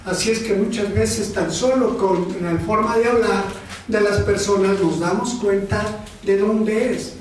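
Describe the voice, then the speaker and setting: High-voiced preaching man in echoey hall. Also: a little hiss or hum. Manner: slow, conversational preaching with frequent "¿sí?" and "este". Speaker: pastor. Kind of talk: sermon. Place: church. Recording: echoey church sound from a distance.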